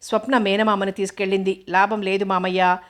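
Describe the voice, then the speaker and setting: A woman's voice: mid-range voice, little pitch movement, fairly quick, close to an everyday voice. A woman voicing a worried older man in an audiobook novel, pleading and anxious.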